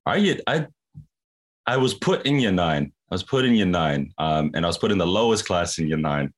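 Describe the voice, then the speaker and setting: A young man telling stories about his schooling as a podcast guest, relaxed and slangy, chuckling often. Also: sits low, normal speed. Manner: laid-back slangy chatter with frequent laughs. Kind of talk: casual storytelling.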